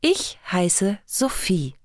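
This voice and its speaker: A woman's voice: on the low side, big pitch swings, slow, no echo, studio quality, exaggerated voice. A woman voicing a kind, curious star fairy who talks in a friendly, coaxing way.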